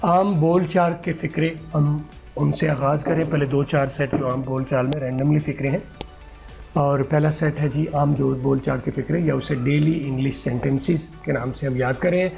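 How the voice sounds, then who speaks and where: A man's voice: fairly high pitch, fairly even intonation, moderate pace, gravelly, a little mellow, soft background music. A man teaching an English pronunciation lesson, patiently repeating words and phrases for his students.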